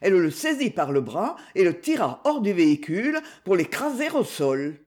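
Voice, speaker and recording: An audiobook reader narrating a novel with steady, expressive reading. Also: medium pitch, normal speed.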